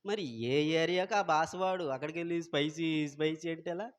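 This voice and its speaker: A slightly high-voiced pastor moves at a moderate pace through his Sunday sermon. He tests the congregation with questions and shifts back and forth between loud exclamations and hushed asides.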